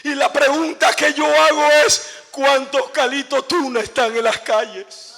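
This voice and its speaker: A middle-aged man preaching a sermon as a pastor, telling a story and then rising into impassioned, shouted exhortation. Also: very high-pitched, little pitch movement, a little slow, gravelly. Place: church hall. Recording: long hall reverb of a church.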